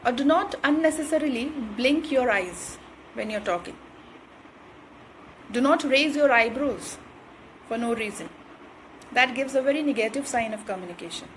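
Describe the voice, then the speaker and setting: A woman teaches communication skills in a high, clear register. She hammers home each point and keeps checking in with her listeners. A faint hum of ambience sits behind her voice. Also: animated, normal speed, long pauses, poor audio. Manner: didactic, repeats points with "right?" and "okay". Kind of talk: instructional talk to camera.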